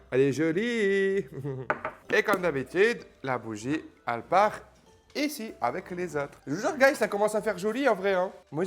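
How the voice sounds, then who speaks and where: A man with a fairly high voice who teases his viewers in a loose, joking vlog chat. Soft music plays faintly underneath. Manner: joking, playful, teasing viewers. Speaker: youtuber opening advent calendars.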